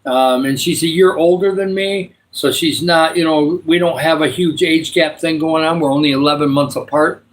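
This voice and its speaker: A man's voice: on the high side, moderate pace, hardly any pauses. A man in his sixties hosting a live stream, chatting in a rambling, meandering way with viewers and praying for them. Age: 60s. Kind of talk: casual live-stream chat and prayer.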